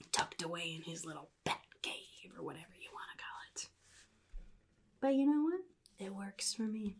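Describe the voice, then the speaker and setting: A woman voicing a gleeful, chaotic comic-book supervillain in a soft, breathy ASMR roleplay, with a sly, theatrical drawl. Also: lowish voice, slight background noise. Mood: sly, boastful. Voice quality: breathy, whispery, husky.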